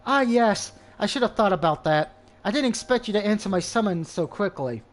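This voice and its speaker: A man's voice: high-pitched, animated, fairly quick. A man reading the part of a playful woman witch with a sing-song manner.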